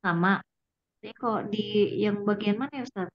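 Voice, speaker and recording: A woman's voice: mid-range voice, moderate pace, crowd noise. A woman, a student politely asking her teacher questions in an online class, her voice breaking up over the call connection. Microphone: online call audio. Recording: dull dry lo-fi call line.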